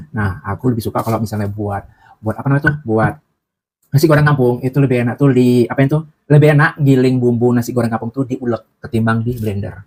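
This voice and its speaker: A man with a medium-pitched, slightly mellow voice hosts a casual cooking live stream from a boarding-house room, recorded on a clip-on mic. Chatty and joking, he answers viewer comments while slightly out of breath from grinding spices.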